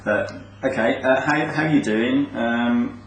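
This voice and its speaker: A man's voice: mid-range voice, unhurried, slight background noise. A man hosting a webcast who reads out fan questions hesitantly, with many ums and uhs. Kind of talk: interview. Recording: echoey room from far off.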